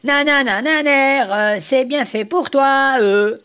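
Marlaguette, a high little girl voiced by a narrator. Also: slow, pushed and bright, clean tone, exaggerated voice. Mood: teasing. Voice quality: high childish sing-song voice. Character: spirited little girl, kind but cheeky.

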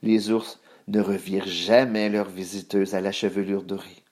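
A man reading a children's story aloud in a measured, expressive way. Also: low voice.

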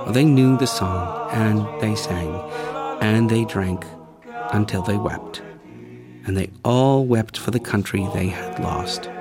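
A man narrating a scripted story in a measured way, with dramatic pauses. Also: lowish voice. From United States. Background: guitar music.

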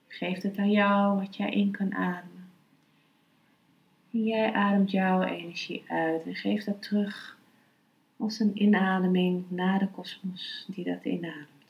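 A woman speaking as a meditation and philosophy teacher, calm, unhurried and instructive. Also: on the low side, creaky, lo-fi sound. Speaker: yoga philosophy and meditation teacher, podcast host. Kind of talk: spoken lesson, then slow guided meditation. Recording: roomy, echoing sound.

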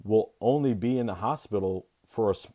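A young man with a low voice speaks as an interview guest. He talks candidly about his own life, pausing and restarting his sentences. His tone stays mellow and soft-edged. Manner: reflective, halting with frequent restarts. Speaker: interview guest, expectant father. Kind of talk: candid personal conversation.

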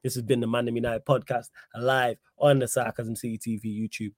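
A man's voice: mid-range voice, level tone, fairly quick, no room sound, studio quality. A man with a London roadman accent hosting a livestream, chatting casually in slang. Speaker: livestream host.

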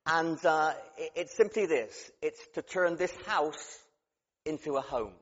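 A middle-aged man with a strong West Country accent delivers a sermon in a church, his voice sitting a little high for a man. He talks in a chatty, joking way and often stumbles and restarts his words. The sound is slightly dull and carries a long hall reverb. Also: animated, a little slow, fairly bright tone. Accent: West Country English. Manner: chatty and humorous, with frequent stammered restarts. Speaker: guest preacher.

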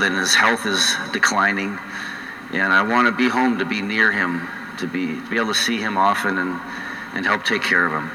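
Male priest, middle-aged, North Dakota accent, conversational homily with pauses, bright forceful tone, long church reverb. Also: lowish voice. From North Dakota, United States. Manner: conversational, halting, with frequent pauses. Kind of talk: homily to a congregation. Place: large church indoors.

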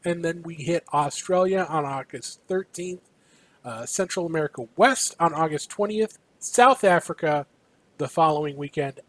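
A man's voice: on the high side, poor audio. A man co-hosting a casual gaming news show, running through a schedule playfully with a few fillers. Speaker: co-host. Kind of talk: casual esports news chat.

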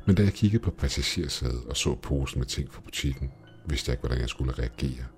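A man narrating a scripted horror story in a measured, dramatic way. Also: rumbling low, animated. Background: faint music.

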